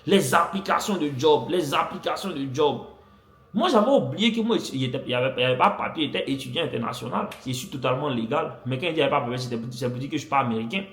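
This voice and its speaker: A young man telling a story about his own life in a casual, animated way, repeating himself and swinging between loud and soft. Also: medium pitch, very fast, hardly any pauses. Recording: echoey room.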